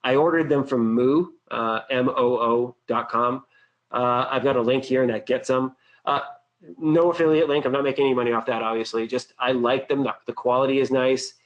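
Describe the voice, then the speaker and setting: A man's voice: medium pitch, steady tone, normal speed, lo-fi sound. Chatty man running a sales webinar. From Boston, USA. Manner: casual and chatty, often checks in with "right?". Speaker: webinar presenter. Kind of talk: conversational sales training webinar.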